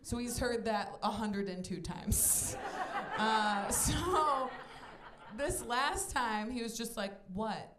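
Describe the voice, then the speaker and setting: A woman in her twenties performing a stand-up comedy set on a club stage, playful and animated, acting out voices in her quotes. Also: fairly high pitch, slow pace. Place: comedy club stage before a live audience. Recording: echoey club room with audience noise.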